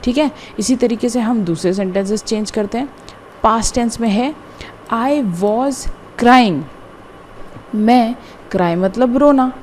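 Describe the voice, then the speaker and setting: A woman teaching a grammar lesson, explaining slowly and deliberately word by word, with frequent repetition. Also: on the high side, a little mellow, a little hiss or hum. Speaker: English teacher. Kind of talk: classroom-style grammar lesson.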